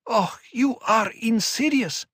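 A man's voice: lively intonation, takes it slowly, fairly bright tone, husky, no room sound, clean studio sound, exaggerated voice. A man voicing an anguished, pleading young woman in an audiobook, his voice raised well above his own. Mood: angry. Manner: pleading, emotional, raised pitch. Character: anguished young woman, former warrior sister.

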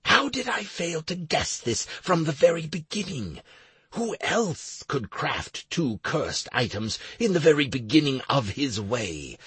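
A man voicing a cruel, vengeful ancient female hermit who speaks with loud, resounding loathing in a storybook reading. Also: fairly high pitch, husky, dry recording, pitched above the performer's own voice, exaggerated voice.

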